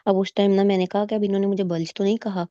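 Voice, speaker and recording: A woman's voice: medium pitch, racing, no room sound, dull audio. A woman recounting her medical exam in casual storytelling, quoting examiners and switching into English medical terms, heard over a video call. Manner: animated retelling, quoting examiners and herself. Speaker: exam candidate sharing her experience. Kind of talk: casual storytelling in a recorded meet.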